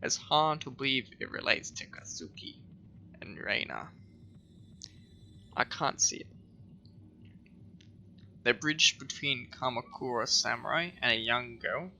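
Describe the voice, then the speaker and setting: A man reading a weary, haunted detective's thoughts aloud in a quiet, brooding tone. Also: medium pitch, animated, unhurried, gravelly, pauses often, slight background noise, full character voice. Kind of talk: reading game dialogue aloud.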